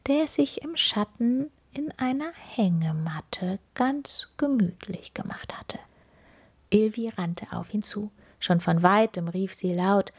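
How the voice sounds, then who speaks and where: A woman reading a children's fairy tale aloud in a soft, partly whispered narration. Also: medium pitch, vocal fry.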